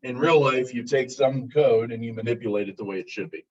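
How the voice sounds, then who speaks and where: A male college instructor giving a casual classroom lecture, relaxed and self-described as monotone. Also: mid-range voice, a little fast. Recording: muffled, distant classroom recording.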